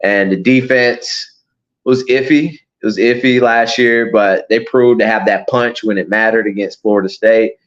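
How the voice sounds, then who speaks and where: A man co-hosting a casual sports talk show, speaking in a relaxed, hesitant way with frequent restarts. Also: on the low side, unhurried. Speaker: podcast co-host. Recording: dull lo-fi audio.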